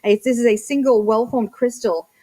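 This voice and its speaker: A woman's voice: on the high side, fairly even intonation, moderate pace, dark tone. A woman working as a live auctioneer, chanting bid numbers and prompts between short descriptions of the lots.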